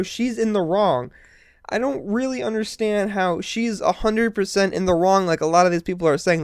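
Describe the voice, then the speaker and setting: A blunt online commentator giving casual opinions in a mid-pitched voice. The sound is dry, and the delivery is profane and conversational, with animated asides. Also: no room sound.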